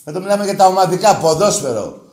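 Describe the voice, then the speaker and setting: A man hosting a rowdy sports call-in show, taking calls brashly, mocking callers crudely and breaking into loud outbursts. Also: high voice, lively intonation, roomy sound. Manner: brash, crude and mocking, with sudden shouting bursts. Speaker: radio call-in show host. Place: radio studio.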